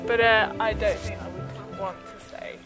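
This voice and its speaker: A woman casually chatting through a travel vlog, excitable and feeling the cold. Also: medium pitch, moderate pace, loud music behind the voice, poor audio. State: cold, freezing. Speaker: vlogger.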